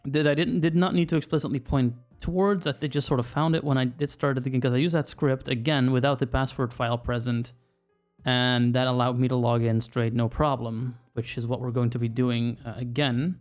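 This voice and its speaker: Casual man thinking aloud at mid pitch. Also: fairly quick, soft background music. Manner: relaxed, rambling, thinks aloud with many fillers. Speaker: screen reader user presenting a tutorial. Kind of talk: casual walkthrough narration.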